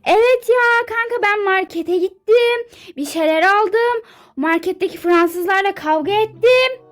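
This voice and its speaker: A woman doing a shrill, bossy, hyper young model. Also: a little slow, faint music behind. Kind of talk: game character role-play dub.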